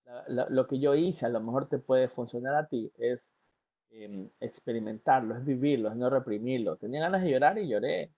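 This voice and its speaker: A man's voice: medium pitch, moderate pace, dark tone, husky, lo-fi sound. A man, giving a motivational talk as a life coach and speaking earnestly and directly to the listener, with frequent fillers and restarts. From Ecuador.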